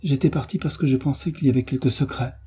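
A man voicing a dreamy, shy young girl who speaks softly and wistfully, in an audiobook. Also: mid-range voice, steady tone, fast talker, husky, voice pushed up. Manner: soft, wistful.

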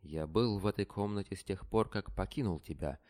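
A man voicing a scheming Venetian leader who barks in fury, read in a low voice. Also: fairly quick, a little mellow, lightly acted. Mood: furious. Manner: barking, furious. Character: raging scheming Venetian man, losing composure.

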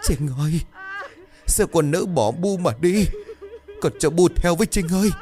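A man voicing a grief-crazed older mother who wails and raves in a high, cracking voice. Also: brisk, darkish tone, lightly acted. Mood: wailing.

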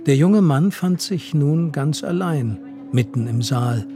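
A man giving a measured, expressive literary reading on radio, with music underneath. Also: a little high. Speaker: reader.

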